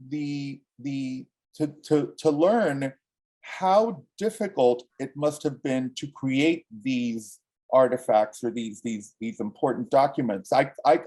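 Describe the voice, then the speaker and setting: A man from Cuba, a filmmaker answering interview questions in an earnest, halting way with many restarts. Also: medium pitch, darkish tone.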